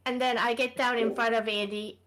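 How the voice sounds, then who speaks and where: A woman's voice: fairly high pitch, flat delivery, brisk, a bit bright. A woman playing in a tabletop game, polite and hesitant, with many fillers. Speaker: player. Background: faint background music.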